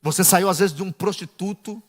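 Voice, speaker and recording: A middle-aged male pastor preaching a sermon, dropping to low asides and building to shouted, half-sung climaxes. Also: brisk. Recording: echoey church hall.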